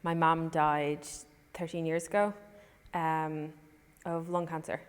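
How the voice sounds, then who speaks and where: Brief: twenties woman interviewee, soft, low flat voice. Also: slow, clean tone, long reverb tail. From Ireland. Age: 20s. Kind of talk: documentary interview.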